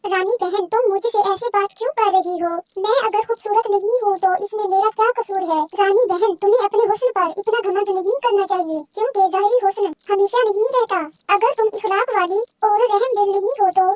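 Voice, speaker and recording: A woman voicing a gentle, meek mother sparrow in a cartoon story, speaking softly and pleadingly. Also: very high-pitched, steady tone, a little fast, hardly any pauses, a little hiss or hum. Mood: hurt. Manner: gentle, pleading, soft-spoken.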